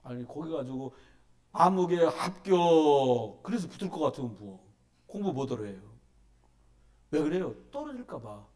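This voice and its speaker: A middle-aged man preaching as a pastor in a church sanctuary, telling stories and urging his listeners with emphatic, animated delivery. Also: a little high, moderate pace. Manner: animated storytelling, emphatic exhortation. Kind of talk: sermon.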